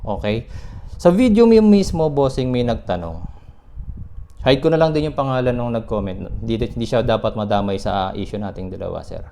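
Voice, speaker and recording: A man vlogging about a dispute with a rival mechanic, speaking in a steady, mid-pitched voice. He keeps explaining himself to his followers in a defensive way. A faint background hum sits under the talk. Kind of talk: casual vlog rant to viewers.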